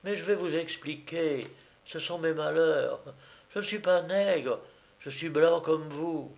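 A man's voice: fairly high pitch, takes it slowly, creaky, voice pushed up. Timid stammering young man for a storybook, voiced by a male narrator. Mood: pleading. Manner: stammering, meek, pleading.

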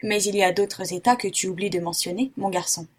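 Husky-voiced excitable French geographer, theatrical outbursts; woman reader. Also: medium pitch, fairly quick, natural voice. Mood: excited. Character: excitable middle-aged male French geographer.

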